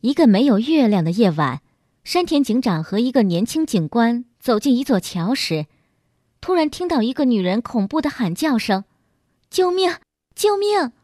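A woman narrating a short detective story in an expressive storytelling manner. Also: a little high, normal speed, dry recording, clean studio sound.

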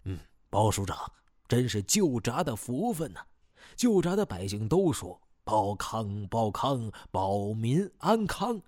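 A man voicing an effusive, flattering male owner of a temple courtyard. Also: medium pitch, slow, no echo, clean studio sound.

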